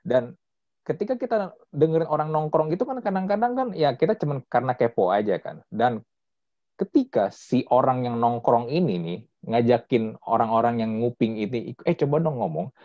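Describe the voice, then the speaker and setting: A man hosting a casual podcast chat, telling things in an animated, chatty way with slang. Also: mid-range voice, moderate pace, no room sound. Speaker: podcast host. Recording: dull, dry lo-fi sound.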